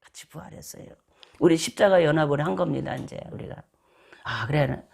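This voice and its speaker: With a rough, gravelly edge to a mid-range voice, a preacher delivers a sermon fast and in a darkish tone. The talk unfolds like storytelling, and quoted lines get short acted voices.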